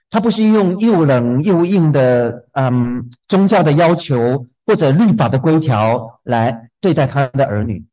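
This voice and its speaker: A man from southern China preaches a sermon gently and without hurry, often repeating a word as he begins a thought. His pitch is fairly high, and the audio quality is poor.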